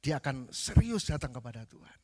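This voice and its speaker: A man preaching a sermon, animated, rising loud for emphasis. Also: medium pitch, fairly quick. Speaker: pastor. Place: large church hall. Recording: long hall reverb.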